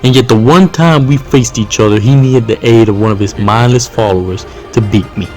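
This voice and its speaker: A man playing a resentful young wrestler, delivering a scripted promo in a low, brooding voice. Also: brisk, over music, natural voice. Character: bitter young male wrestler, resentful rival.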